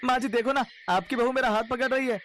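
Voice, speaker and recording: A man's voice: very high voice, quick pace, fairly bright tone, a little hiss or hum, pitched above the performer's own voice. A man voicing a sleazy, lying milkman in a cartoon story, sly and whiny in manner.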